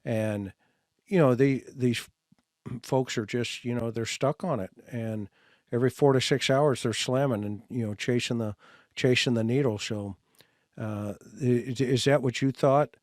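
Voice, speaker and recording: A man hosting an interview, asking questions in a halting way with frequent restarts. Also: medium pitch, darkish tone, no echo, clean studio sound. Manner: halting, with restarts and filler words. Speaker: host.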